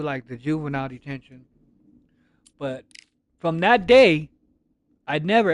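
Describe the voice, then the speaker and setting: A gaming streamer telling a story from his life in a casual, blunt way, swearing often. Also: fairly high pitch. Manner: animated, blunt, heavy swearing.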